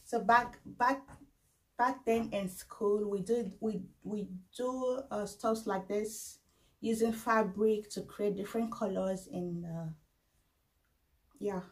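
Woman, 30s, home vlogger, mid-pitched and unhurried, halting delivery. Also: fairly even intonation, rough recording. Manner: unhurried, halting, with frequent fillers. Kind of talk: casual try-on haul vlog. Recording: faint background noise.

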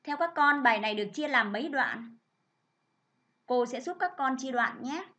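A woman teacher leads a reading lesson for children. She reads in a clear, measured, instructive way. Her voice sits a little high. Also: animated, pushed and bright. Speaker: primary school teacher.

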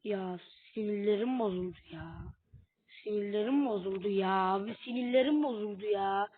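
A woman's voice: medium pitch, normal speed, husky, no echo. A young woman doing casual commentary while opening game boxes, talking straight to her viewers in a frustrated, exclaiming way. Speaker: gaming YouTuber. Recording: tinny phone-like audio, dry.

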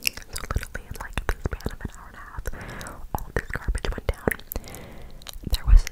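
A woman in her twenties whispering breathily through cupped hands close to the microphone, telling a casual, rambling ASMR story. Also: moderate pace. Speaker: ASMR video creator. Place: small bedroom, indoors. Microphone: close desktop condenser microphone.

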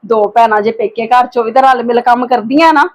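A woman acting a gentle elder sister-in-law in a home drama skit, soft-spoken and hesitant, often trailing off. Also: fairly high pitch, a little fast, natural voice. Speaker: actor in a family skit.

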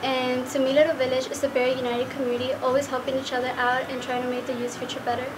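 High, even-toned young woman, slightly distant. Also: fast, background noise. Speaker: scholarship student. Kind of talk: to-camera testimonial.

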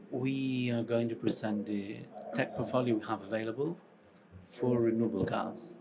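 On a big conference stage indoors, a middle-aged co-founder presents in short, halting bursts with pauses, his lowish voice carrying a Portuguese accent mixed with some Spanish. The recording picks up the audience in the hall.

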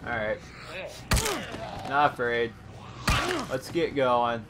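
A man giving casual let's play commentary over a zombie game, excitable and chatting to the enemies on screen. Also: mid-range voice, very slow, background noise. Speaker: gaming YouTuber. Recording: game sound loud behind the voice.

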